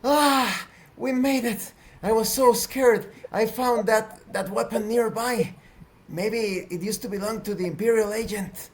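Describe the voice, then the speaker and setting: A man voicing a young woman companion, yelling in a high, excited voice. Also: a little slow. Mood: relieved yelling.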